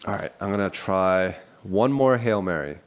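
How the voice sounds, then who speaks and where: Low-voiced man, nasal podcast host. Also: expressive, moderate pace, a little hiss or hum. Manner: chatty, rambling, self-deprecating, laughs often. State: nasal from a stuffy nose. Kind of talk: casual solo podcast talk with phone calls. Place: small office.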